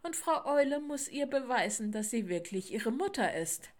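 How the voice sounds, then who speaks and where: A woman voicing a wise, calm raven with a croaking, measured manner in a storybook reading. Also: a little high, voice pushed up.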